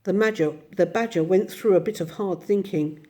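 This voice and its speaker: A woman reading a classic children's storybook aloud in a gentle, unhurried way. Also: mid-range voice. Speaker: narrator.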